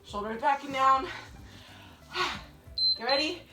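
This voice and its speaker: Young woman, aerobics instructor, high voice, encouraging exercise cues, living room, faint music behind. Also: takes it slowly, bright, forceful tone, reverberant, poor audio. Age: young adult. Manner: encouraging, counting and cueing while exercising. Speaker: fitness instructor, channel host. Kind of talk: aerobics instructor leading a home workout, cueing moves. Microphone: camera on the floor a few feet away.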